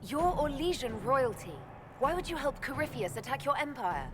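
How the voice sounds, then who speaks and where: A woman's voice: high voice, sing-song, normal speed, background noise. A woman playing a composed, authoritative female inquisitor in a video game, questioning and commanding, with long reverb on the voice. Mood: composed, firm. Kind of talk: video game dialogue acting.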